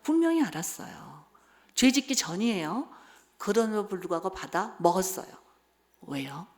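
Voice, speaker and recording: Middle-aged female seminar speaker; animated storyteller who quizzes the room. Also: medium pitch, moderate pace, gravelly. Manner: lively storytelling, acts out quotes, asks the audience questions. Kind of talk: church seminar talk.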